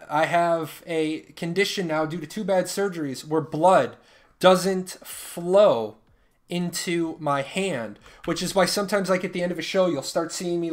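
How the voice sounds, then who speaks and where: Man, thirties, high voice, joking streamer, casual chat with viewers. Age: 30s. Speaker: streamer running giveaways.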